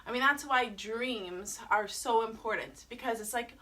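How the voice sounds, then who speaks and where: A woman's voice: fairly high pitch, a little slow, pushed and bright. A woman teaching a live online yoga class for children, playful and encouraging, sometimes breaking into sing-song chants.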